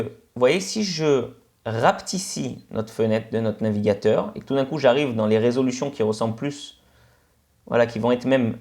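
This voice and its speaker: A man with a Senegalese French accent gives a screencast coding lesson, his voice sitting at an ordinary middle pitch. He explains step by step in a relaxed, chatty way, often pausing on "ok" and "euh". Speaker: instructor.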